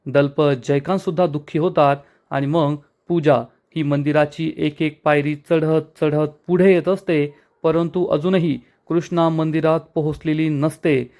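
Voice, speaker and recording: A man's voice: fairly high pitch, fairly even intonation, unhurried, few pauses, a little mellow. A man retelling a TV serial episode plot step by step as a storyteller, addressing listeners as friends.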